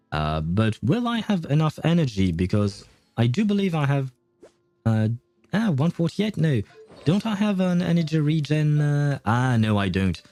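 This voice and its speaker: On a livestream, a man with a mellow, medium-pitched voice chats casually while playing a game, thinking aloud with hesitant chuckles. The recording has no room sound.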